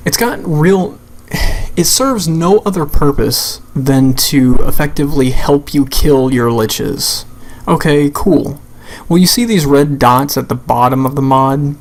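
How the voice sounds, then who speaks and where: A man giving an unscripted, blunt and sweary rant as commentary over a video game, sounding exasperated. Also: medium pitch. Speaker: gamer making a rant video.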